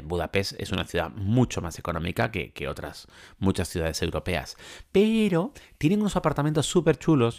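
Un hombre que habla de viajes en tono charlado y divagante, con muchas muletillas y repeticiones. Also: male voice, on the low side, gravelly. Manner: chatty, rambling, many fillers and restarts. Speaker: travel vlogger. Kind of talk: casual travel talk to camera.

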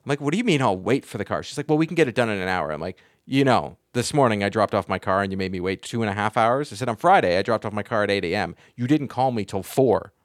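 A man co-hosting a gaming podcast, telling an exasperated story in a casual, animated way. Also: on the low side, fast talker, few pauses, no room sound, clean studio sound. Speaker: podcast co-host. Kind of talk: casual chat.

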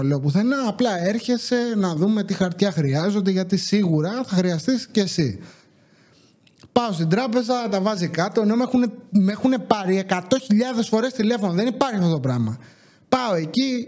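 A young man hosting a podcast, telling a story in a casual, animated way and acting out what other people said. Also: high-pitched. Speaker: podcast host.

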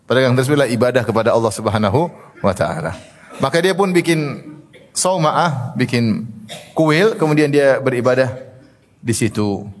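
A man's voice: medium pitch, animated, normal speed. Man teaching in a reverberant hall. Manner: explains Arabic terms and narrations, often adds "ya" and "apa namanya". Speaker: Islamic teacher. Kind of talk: religious study lecture.

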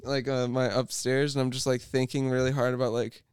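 Man, twenties, podcast co-host, rambling casual storytelling, clear voice, dry close sound. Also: mid-range voice, little pitch movement, a little fast, dry recording. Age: 20s. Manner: rambling, self-interrupting, laughs at himself.

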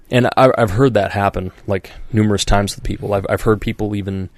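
Fairly quick and fairly even in intonation, this male podcast host's fairly low voice rambles through casual conversation, restarting, filling with "like" and "you know," and slipping into quoted voices. The recording is dry and close, with no echo.

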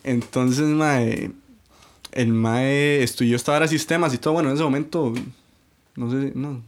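A man's voice: medium pitch, steady tone, moderate pace. A young man with a Costa Rican accent, telling a rambling story in casual chat and saying "mae" over and over. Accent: Costa Rican Spanish. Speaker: podcast co-host. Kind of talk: casual chat among friends.

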